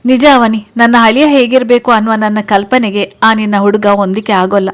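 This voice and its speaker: A woman's voice: a little high, level tone, fairly quick, natural voice. A woman voicing a stern, loving father. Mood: firm. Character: stern but loving middle-aged father.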